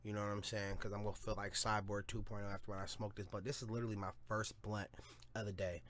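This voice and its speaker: Brief: guy, low voice, swears constantly, rambles and repeats himself as a casual podcast host. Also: little pitch movement, fast, a bit bright, slight background noise. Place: home studio or car, smoking a blunt.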